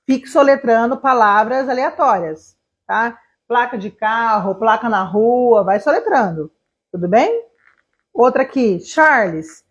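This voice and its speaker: A middle-aged woman teaching English spelling to camera, chatty, checking in with "tá?" and "né?" and slowing down to spell letter by letter. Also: on the high side, animated. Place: small town near a railway. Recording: dull lo-fi sound.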